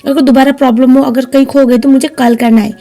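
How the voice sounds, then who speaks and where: A woman's voice: high-pitched, fairly even intonation, quick pace, mellow. A woman voicing a stern young male CEO who scolds and lectures.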